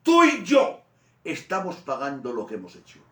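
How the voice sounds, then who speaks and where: A man voicing a repentant thief dying on a cross, strained and crying out loudly, in a sermon. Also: on the high side, huge pitch swings, normal speed, voice pushed up. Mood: rebuking. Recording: roomy echo from a distant mic.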